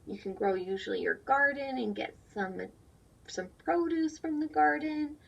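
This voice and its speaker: A female teacher reads a picture book aloud to young children, explaining simply and asking them questions. Her high, creaky voice has lively intonation and a normal speed. The recording is dull, lo-fi and distant from the mic.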